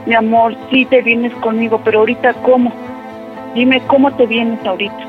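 A woman's voice: fairly high pitch, level tone, moderate pace, phone-quality sound, faint music behind. Angry Mexican Spanish-accented mother swearing. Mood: protective. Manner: protective, then furious and swearing. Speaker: prank call victim, a mother.

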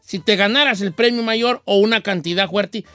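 A man playing a cheeky old Mexican radio host with a high, reedy old-man voice, teasing and rambling in a comedic talk show. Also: normal speed, bright, forceful tone, no room sound, soft background music. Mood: joking. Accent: Mexican Spanish. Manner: teasing, rambling, chuckles often.

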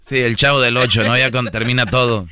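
A man bantering as co-host, slangy and relaxed. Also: mid-range voice, fast talker. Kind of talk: casual banter.

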